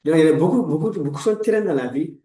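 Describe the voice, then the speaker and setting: A man's voice: fairly high pitch, animated, very fast, warm tone, echoey room, far from the mic, poor audio. A man in his forties, a life coach giving a motivational talk in a preachy, repetitive way, full of blessings. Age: 40s. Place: room lined with books, indoors.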